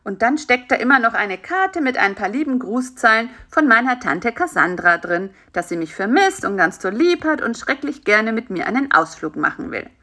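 A woman voicing a tired, stingy and lonely male spider in a children's story, in a sulky, drawn-out way. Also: a little high, big pitch swings, sharp tone, exaggerated voice. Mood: sleepy.

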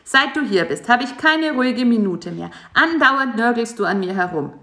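A woman's voice: a little high, expressive, moderate pace, bright, forceful tone, voice pushed up. A woman doing a grumpy old house spider. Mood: snappy. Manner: grumbling, snappy. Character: grumpy lazy male spider, stay-at-home. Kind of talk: storybook voice acting. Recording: echoey room.

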